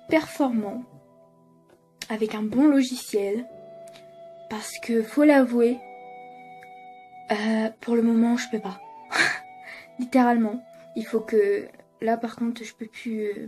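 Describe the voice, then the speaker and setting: A young female YouTuber chats casually to the camera from her apartment in a fairly high but mellow, relaxed voice. She laughs often, swears freely, and mocks herself, with faint music in the background.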